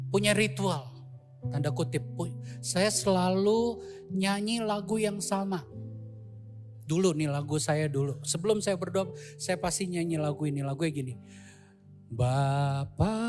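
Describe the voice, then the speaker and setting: Storytelling male preacher, faint music underneath. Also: high-pitched. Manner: storytelling, animated, addresses congregation. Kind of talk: sermon testimony.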